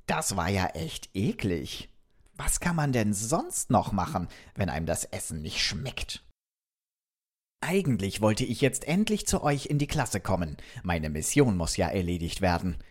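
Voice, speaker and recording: A man playing a lively curious robot. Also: on the low side, a little slow. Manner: lively, talks directly to the kids with questions. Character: friendly male robot visitor from another planet, curious. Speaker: storyteller addressing children. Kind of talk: children's story narration.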